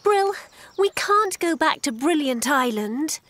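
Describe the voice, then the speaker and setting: A woman voicing a kind, helpful grown-up in a children's cartoon, speaking slowly and clearly. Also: high voice, animated, a bit bright, heavily acted. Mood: cheery. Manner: slow clear storybook delivery.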